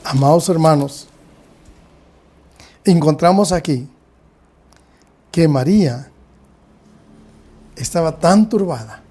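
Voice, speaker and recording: A Guatemalan man preaches a sermon in a fairly high voice. His tone is mellow and soft-edged. He keeps turning to address his congregation as brothers and sisters. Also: slow pace, long pauses, husky. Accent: Guatemalan Spanish. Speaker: pastor.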